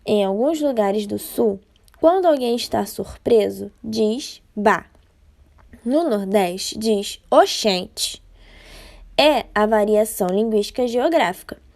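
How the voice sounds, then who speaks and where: A woman from Rio de Janeiro with a Carioca accent, teaching a school lesson slowly and patiently, often checking in with her listeners. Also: medium pitch, lively intonation, gravelly, a little mellow, rough recording. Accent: Carioca Brazilian Portuguese. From Rio de Janeiro, Brazil.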